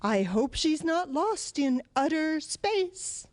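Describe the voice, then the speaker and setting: Cartoon cow voiced by a woman, fretful, high, slow and singsong. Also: very animated, a little mellow, dry recording, full character voice. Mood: worried. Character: worried gossipy cow.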